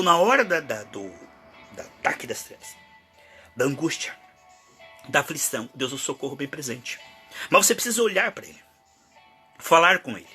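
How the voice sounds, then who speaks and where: A pastor preaching fervently, acting out prayers and the listener's doubts. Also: male voice, fairly high pitch, pushed and bright. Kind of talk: sermon.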